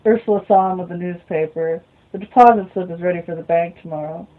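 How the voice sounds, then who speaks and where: A woman's voice: on the low side, fast talker. A woman reading a novel aloud as a storyteller, muttering short asides to herself between passages. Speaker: reader. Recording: phone-like lo-fi recording.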